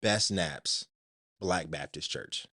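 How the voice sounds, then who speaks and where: A man's voice: sits low, takes it slowly, sharp tone, no echo, studio quality. A young adult man hosting a podcast, chatting casually, laughing often and repeating himself as he talks. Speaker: podcast host. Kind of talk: casual chat.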